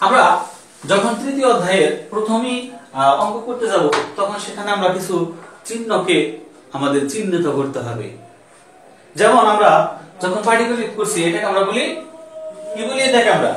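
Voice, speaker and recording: A male math teacher explains a lesson in a high, animated voice that rises and falls widely. He asks questions and answers them himself, repeating each key term. He sounds far from the mic in a strongly echoing room. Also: normal speed, long pauses, crowd noise.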